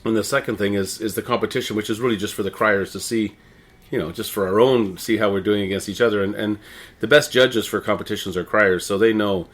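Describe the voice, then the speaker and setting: A middle-aged Canadian man with a fairly low voice speaks as an interview guest. He talks conversationally, rambling a little and often doubling back on his words. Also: steady tone, a little fast, a bit bright. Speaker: interviewee, town crier and visitor services manager.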